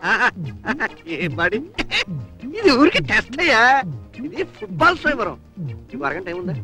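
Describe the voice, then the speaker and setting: A man's voice: very high voice, big pitch swings, normal speed, exaggerated voice. A man playing a scheming, boastful middle-aged father in a comic old film drama, talking theatrically and wheedling. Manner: theatrical, wheedling, repeats a pet word. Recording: old film soundtrack with music.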